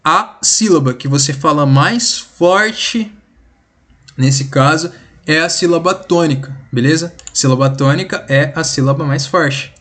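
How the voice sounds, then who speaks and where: Casting: Brazilian male teacher, voice on the high side, relaxed slangy delivery. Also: a little slow. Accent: Brazilian Portuguese. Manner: informal, slangy, checks in with "beleza?" constantly. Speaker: literature teacher. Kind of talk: casual online class.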